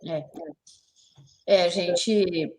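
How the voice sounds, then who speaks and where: A woman's voice: on the low side, steady tone, extremely slow, darkish tone. A woman from Brazil hosting a talk show, speaking emphatically, repeating key words and firing rhetorical questions. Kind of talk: opinionated talk show discussion.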